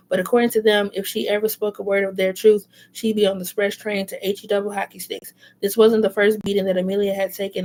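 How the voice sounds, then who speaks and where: Woman reader, novel read aloud, flat intonation, self-corrections, asides. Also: medium pitch, rough recording.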